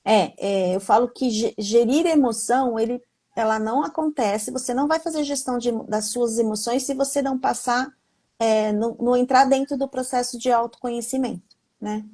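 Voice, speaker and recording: A woman's voice: fairly high pitch, fairly quick, warm tone. A woman speaking as a guest in a casual live conversation, explaining with frequent restarts and acted-out little quotes.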